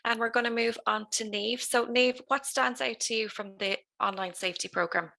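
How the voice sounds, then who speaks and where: Bright, creaky-voiced Irish woman interviewer. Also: on the high side, fairly even intonation, moderate pace. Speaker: interviewer, youth officer. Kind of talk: structured interview questions.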